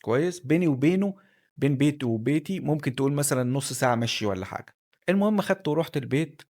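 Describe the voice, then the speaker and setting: A man's voice: fairly high pitch, lively intonation, fast, darkish tone. A man with an Egyptian Arabic accent telling a personal life story as a candid, conversational monologue, speaking straight to the listener.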